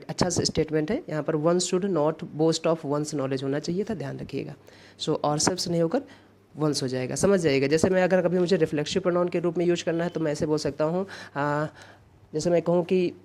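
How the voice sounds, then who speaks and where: A man teaches an exam-prep English grammar lesson. He explains each answer step by step and repeats the key forms. He reads the example sentences out slowly and carefully. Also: fairly high pitch, a little mellow.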